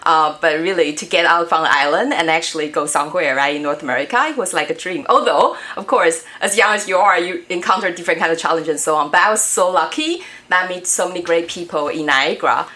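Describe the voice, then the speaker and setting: This robotics education director, a Taiwanese woman in her forties who doesn't speak English, is a friendly but hesitant interview guest who uses lots of fillers. Her voice sits on the low side yet sounds bright and forceful, with lively intonation, and she talks fast with hardly any pauses in the casual chat.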